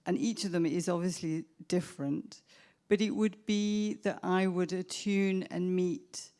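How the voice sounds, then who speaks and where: A woman psychotherapist answering an audience question, reflective and measured, often restarting her sentences. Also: on the low side, steady tone, warm tone. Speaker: psychotherapist speaker. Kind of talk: Q&A answer at a professional event.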